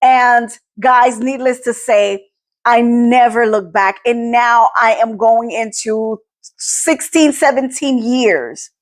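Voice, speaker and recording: A woman's voice: fairly high pitch, takes it slowly. A woman in her forties sharing a personal faith testimony, emotional and close to tears, repeating words for emphasis. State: teary, near crying. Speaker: podcast host. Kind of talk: personal testimony, casual talk.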